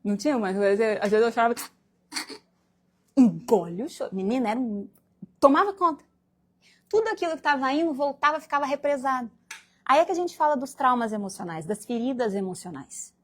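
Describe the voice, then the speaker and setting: At a Spiritist meeting, a Brazilian guest speaker lectures the congregation on spiritual matters, playing out brief scenes in assorted voices. She talks fast, in a high-pitched, animated voice.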